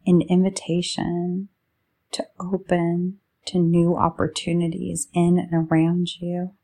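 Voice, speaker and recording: A woman leads a meditation in a fairly low, monotone voice with a gravelly, fried edge and a dark, soft tone. She speaks very slowly and soothingly, drawing out short phrases one small piece at a time.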